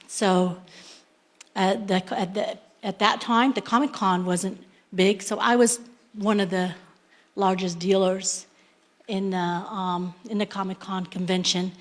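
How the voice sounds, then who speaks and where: Middle-aged Iraqi-born woman telling her story. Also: on the low side. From Iraq. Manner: unhurried, plain-spoken, many ums and restarts. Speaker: entrepreneur. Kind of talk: personal success story, unscripted.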